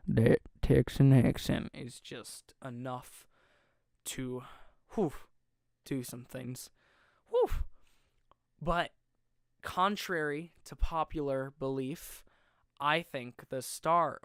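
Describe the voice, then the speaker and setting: A young man hosting a podcast, reviewing a film in a casual, rambling, excitable way and often correcting himself mid-sentence. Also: on the high side, clear, resonant tone, no echo, studio quality. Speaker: podcast host.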